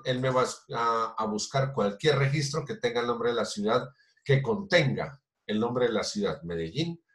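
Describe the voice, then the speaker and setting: A man teaching a programming class, explaining patiently step by step with many fillers and restarts. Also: medium pitch. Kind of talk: recorded online class. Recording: roomy echo.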